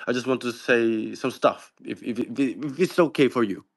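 A man's voice: medium pitch, normal speed, gravelly, slightly rough. A man from the Philippines calling into a live online talk room, speaking bluntly and swearing freely as he gives his opinions. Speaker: caller. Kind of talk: casual call-in talk.

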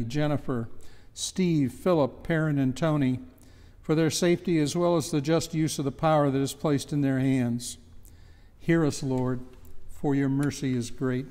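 An older man leading the prayers of the people in a measured, reverent reading in a church. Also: a little high, a little mellow, big-room sound. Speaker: prayer leader. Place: church chancel, indoors.

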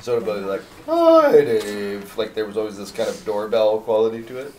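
A man telling a funny anecdote from the stage at a church service, in a lively storytelling style. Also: fairly low pitch, fast talker, slight background noise. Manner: animated, anecdotal, laughs while telling. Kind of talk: storytelling sermon. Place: church auditorium. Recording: roomy church hall, from far off, audience laughter.

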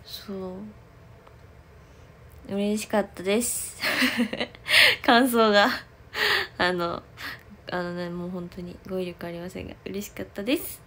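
A woman's voice: medium pitch, fairly even intonation, slow pace, long pauses, pushed and bright, a little hiss or hum. Giggly young woman chatting on a stream. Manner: giggly and rambling, with many fillers. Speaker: idol livestreamer. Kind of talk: casual livestream chat.

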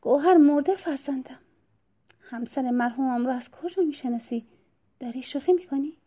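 A woman voicing a kindly older male scholar in an audiobook, speaking calmly and measured. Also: high-pitched, natural voice. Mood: earnest. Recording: dull lo-fi recording.

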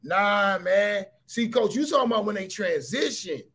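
A man's voice: high-pitched, moderate pace, breathy edge. A man hosting a casual livestream, talking emphatically to his viewers, repeating his points and often raising his voice. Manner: animated, emphatic, repeats phrases and shouts points. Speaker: livestream host.

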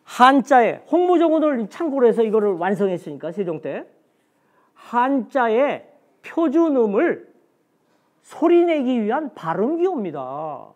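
A man's voice: extremely high pitch, very animated, unhurried, a little mellow, muffled recording. A man giving a special history lecture in a blunt, colloquial way, asking himself questions and answering them.

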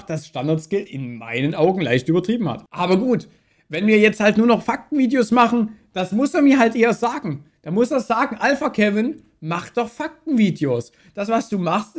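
A young man with a high voice rambles through reaction commentary in loose slang. He talks into a boom mic in a small streaming room, headphones on. The talk is casual and drifts from point to point. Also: expressive, moderate pace. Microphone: boom mic on arm, wearing headphones.

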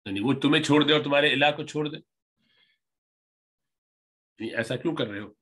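Man teaching Arabic grammar, slow explanations. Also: mid-range voice, a bit bright, husky. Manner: reads Arabic lines slowly, then explains word by word. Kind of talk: grammar lesson, reading and translating Arabic text.

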